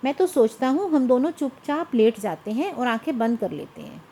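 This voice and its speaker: A woman's voice: high voice, animated, normal speed, warm tone. A woman voicing a timid, cowardly young husband who pleads and frets. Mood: fearful. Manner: pleading, fretful.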